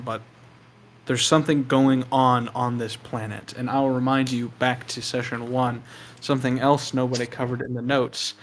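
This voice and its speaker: A man narrating a tabletop game as game master, explaining deliberately with pauses. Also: medium pitch, fairly bright tone, slight background noise.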